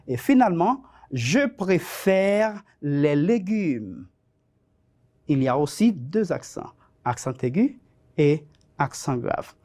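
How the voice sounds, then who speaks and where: A man teaching French on a televised class, drilling conjugations slowly and explaining in Spanish. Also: on the high side, a little mellow. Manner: slow, deliberate drilling, switching between French and Spanish. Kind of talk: televised language lesson.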